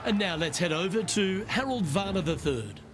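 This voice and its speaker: Calm male golf play-by-play commentator. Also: high-pitched, normal speed. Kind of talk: scripted video game sports commentary. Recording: commentary mixed over crowd and course noise.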